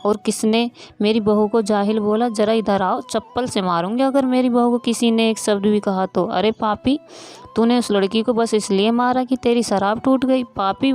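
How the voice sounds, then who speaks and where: A woman voicing a sharp-tongued older mother-in-law who scolds and shouts at her household. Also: a little high, lightly acted.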